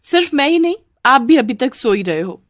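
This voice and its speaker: A woman voicing a cheeky young newlywed daughter-in-law in a cartoon story, teasing and quick with back talk. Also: high-pitched, very animated, no echo, studio quality, voice pushed up.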